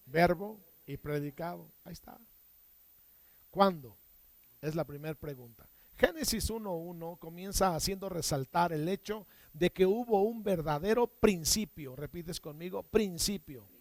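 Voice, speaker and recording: A man's voice: a little high, darkish tone, no room sound. A man teaching a Bible class, asking questions and answering them himself and having the class repeat words after him.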